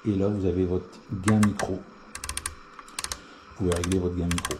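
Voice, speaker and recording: A man's voice: low voice, level tone, a little slow, background noise. A man giving a casual spoken tutorial on radio settings, hesitant, with many fillers and restarts. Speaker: CB radio hobbyist demonstrating settings.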